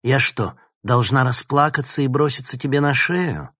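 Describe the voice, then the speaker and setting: A man's voice: mid-range voice, normal speed, a bit bright, dry recording, clean studio sound, voice pushed up, lightly acted. A male narrator voicing a bitter, vengeful young woman villain with a sneering, spiteful manner.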